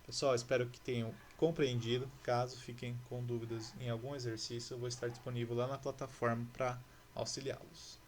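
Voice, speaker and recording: A man's voice: mid-range voice, level tone, fairly quick, hardly any pauses, slight background noise. A male teacher from Brazil talking through exercises in a recorded lesson, patiently explaining and asking rhetorical questions.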